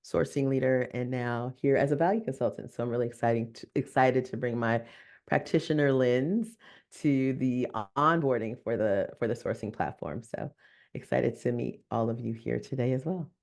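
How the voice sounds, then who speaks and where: Woman, hoarse from a cold, scratchy voice, lively webinar self-introduction. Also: extremely low pitch, normal speed. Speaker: value consultant. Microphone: video call.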